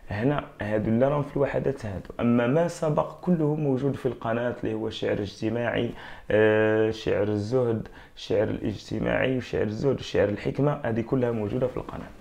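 A man with an Algerian Arabic accent, a teacher giving an exam revision lesson, dictating answers slowly and often checking that students follow. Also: medium pitch, creaky, darkish tone. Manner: slow, drawn-out dictation of answers, frequent checks of understanding.

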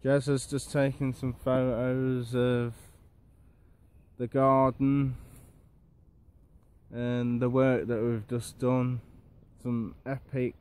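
A man's voice: mid-range voice, flat delivery, slow, long pauses, darkish tone, clear, resonant tone. A young man chatting casually as a vlogger, walking outdoors and filming on a phone held at arm's length, in a laid-back, rambling way. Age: young adult. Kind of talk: casual vlog chat. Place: outdoors in gardens and allotments.

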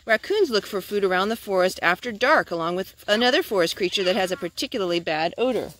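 Reading a picture book outdoors in a forest, a woman chats with her young child in a sing-song, child-directed style. Her mid-range, somewhat bright voice has lively intonation and a quick pace. She holds the camera, and the recording is clearly noisy.

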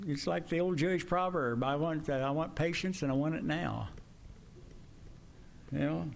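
Older male preacher, slightly high-pitched, folksy and conversational, speaking from the pulpit into a stand mic. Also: a little hiss or hum. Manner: folksy, conversational, pitch swings up when emphatic. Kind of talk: sermon. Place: church sanctuary with pews.

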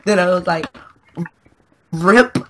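A man's voice: sits high, slow, a crowd in the background. A young man in casual chat, joking and laughing as he tells a school story. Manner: joking, teasing, laughs often. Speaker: podcast co-host.

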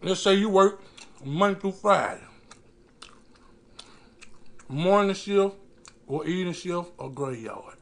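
A man, giving an emphatic, preacher-like motivational talk with dramatic pauses while chewing food. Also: high voice, vocal fry. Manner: chewing and eating while talking. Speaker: mukbang eating-show host. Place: small indoor room.

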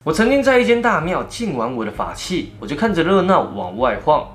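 A man with a Taiwanese Mandarin accent telling a first-person ghost story in an animated way, acting out the scenes. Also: fairly high pitch, fairly quick, a little hiss or hum.

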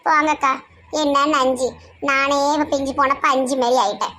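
A woman's voice: high voice, fairly even intonation, normal speed, bright, forceful tone, slight background noise. A woman with a Tirunelveli Tamil accent, chatting and teasing in a village comedy sketch.

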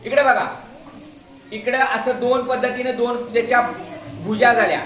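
A man's voice: very high-pitched, fairly even intonation, normal speed, fairly bright tone. A male school teacher patiently demonstrating a craft to his class, repeating each step and calling the pupils to watch. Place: echoey classroom. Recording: roomy classroom echo.

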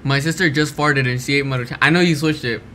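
A man's voice: mid-range voice, a little fast, bright, forceful tone, a little hiss or hum. A man vlogging a food challenge in casual, slang-heavy talk, swearing often. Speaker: vlogger trying food combos. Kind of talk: casual chat. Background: goofy background music.

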